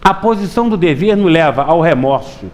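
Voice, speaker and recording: A middle-aged man giving a Spiritist public lecture, telling folksy stories and often asking the audience to agree. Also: brisk. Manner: lively storytelling with wide pitch swings.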